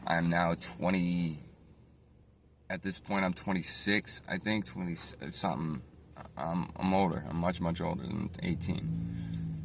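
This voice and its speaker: A man telling his own life story in a casual, rambling way, with many fillers and self-corrections, going quiet and subdued at times. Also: low-pitched, measured pace, creaky, slight background noise.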